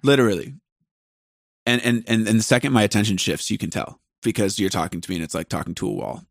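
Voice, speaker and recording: A man's voice: lowish voice, steady tone, fast talker, vocal fry, no room sound, studio quality. A man hosting a podcast, talking casually in a rambling, self-deprecating way that jumps between thoughts. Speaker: podcast host and musician.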